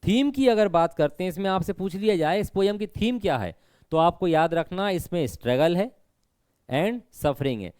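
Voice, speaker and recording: Male tutor, higher-pitched, clear and dry, methodical exam-prep teacher. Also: expressive, moderate pace, darkish tone, dry recording. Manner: explains step by step, asks and answers his own questions; stresses rote learning with repeated reminders.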